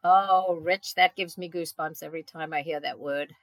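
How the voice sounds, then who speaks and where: A low female voice with fairly even intonation and a moderate pace comes through a dry recording. The speaker is a guest, an event organizer from South Africa in her seventies, who answers interview questions earnestly while often restarting and saying um.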